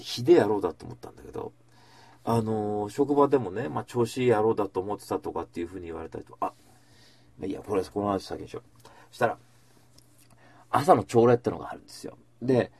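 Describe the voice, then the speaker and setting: Brief: male host, husky voice, very lively pitch, rambling storyteller in casual chat. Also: no room sound. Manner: rambling storytelling with asides, acting out quotes.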